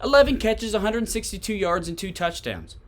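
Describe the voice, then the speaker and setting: A man's voice: high-pitched, very animated, fairly quick, a bit bright. A man hosting a sports podcast, giving solo game commentary in an emphatic way, repeating points and asking rhetorical questions. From Tennessee, United States.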